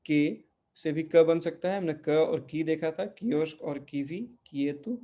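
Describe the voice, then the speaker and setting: A man's voice: a little high, measured pace, warm tone. A middle-aged man teaching a language class, patiently explaining pronunciation and often checking with the students. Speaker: Portuguese teacher. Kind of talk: online language lesson in Hindi.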